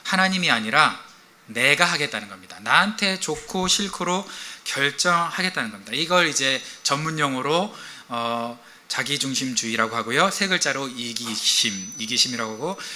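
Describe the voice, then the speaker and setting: A man's voice: medium pitch, expressive, normal speed, bright, forceful tone. A middle-aged male pastor giving a chatty, humorous sermon and often putting questions to the congregation.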